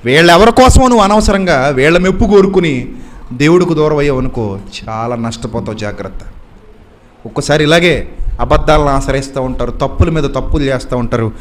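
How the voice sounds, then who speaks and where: A man's voice: mid-range voice, fairly quick, a little hiss or hum. A male preacher delivering a sermon, admonishing his listeners with many rhetorical questions.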